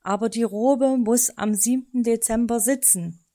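A woman voicing a fussy, strict male raven who talks stiffly and formally and ends his sentences with a croak. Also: fairly high pitch, measured pace, mellow, voice pushed up, natural voice. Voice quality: croaks a "gra" at line ends.

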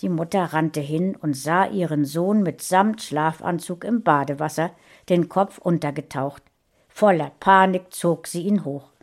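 Woman author reading her own story, fairly low voice, calm and even. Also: a little slow. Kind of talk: storybook narration.

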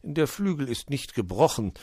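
A man's voice: medium pitch, sing-song, moderate pace, a little mellow, dry recording, studio quality, voice pushed up. A man voicing a kindly old male owl who examines and explains with care. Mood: caring. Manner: caring, explaining.

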